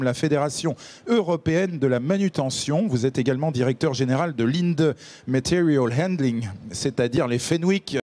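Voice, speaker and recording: A man's voice: on the high side, a little mellow. A man hosting a televised panel debate, formally introducing each guest with his title. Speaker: debate host. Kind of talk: broadcast panel moderation. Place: TV studio set.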